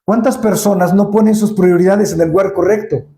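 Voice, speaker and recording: A man's voice: high-pitched, steady tone, brisk, warm tone, roomy sound. A man preaching a sermon in a church, asking the congregation rhetorical questions and acting out Bible scenes.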